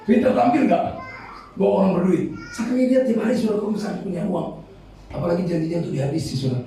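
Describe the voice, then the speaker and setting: Brief: middle-aged Batak pastor from Medan, animated high voice, mellow tone, joking sermon in a big echoey church heard from afar. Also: male voice, fast talker, slight background noise. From Medan, North Sumatra. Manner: humorous storytelling, laughing, addresses congregation as "saudara". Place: large church hall. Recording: echoey church hall, from far off.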